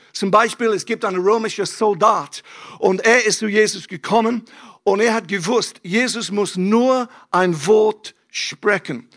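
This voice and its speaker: Guy preaching on a church stage, high bright voice, super energetic and slangy, soft keys behind. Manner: energetic and emphatic, with casual slang. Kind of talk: lively sermon. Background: faint keyboard music.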